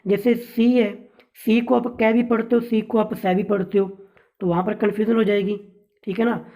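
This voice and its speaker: A man teaching an exam-prep lesson on English literature, with a mellow, warm tone. He explains each point step by step and keeps checking that his listeners follow. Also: sits high, vocal fry, rough recording.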